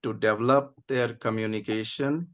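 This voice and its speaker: A man's voice: fairly low pitch, steady tone, normal speed, fairly bright tone. A man hosting a club meeting, reciting a mission statement together with several other members, man and woman voices together. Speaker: meeting host. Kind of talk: leading a group recitation.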